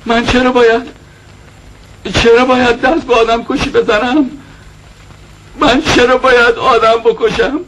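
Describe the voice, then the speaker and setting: Film drama: shrill, unhinged man ranting at his wits' end, tense and piercing. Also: steady tone, pauses often, slight background noise, low-quality recording. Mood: despairing. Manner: shouting, bitter, agitated rants. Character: frantic middle-aged man near breakdown.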